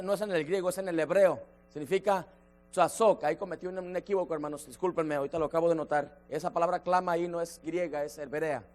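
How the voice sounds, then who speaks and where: A man leading a church Bible study, emphatic, slowing down to stress key words and addressing listeners by name. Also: high voice. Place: church sanctuary.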